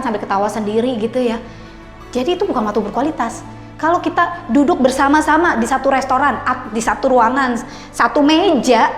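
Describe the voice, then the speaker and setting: A woman hosting a video, talking casually and directly to her viewers, often slipping English phrases into her explanations. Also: fairly high pitch. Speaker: video host. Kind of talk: casual talk to camera explaining a topic. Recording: echoey room with long reverb and faint music.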